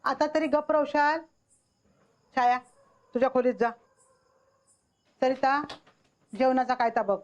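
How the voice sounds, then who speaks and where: An actress playing a weary mother in a TV drama, telling her quarrelling family to be quiet. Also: sits high, steady tone, measured pace, long pauses, muffled recording. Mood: scolding. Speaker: mother of the household. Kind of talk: TV drama acting.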